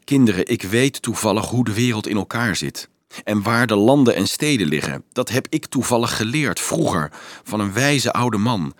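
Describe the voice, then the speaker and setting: An earnest teenage boy addressing a crowd of children, halting at first and then pressing and eager, as a man reads him aloud. His delivery rises and falls in a lively way. The storybook recording is dry and close. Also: fairly low pitch, dry recording, lightly acted. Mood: urgent. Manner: hesitant, then urgent and explaining. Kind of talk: audiobook reading.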